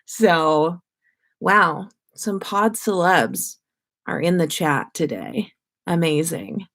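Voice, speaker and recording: A woman hosts a casual livestream, chatting informally and greeting her listeners as a podcaster. Her voice is fairly low, a bit bright, and animated, and she speaks slowly.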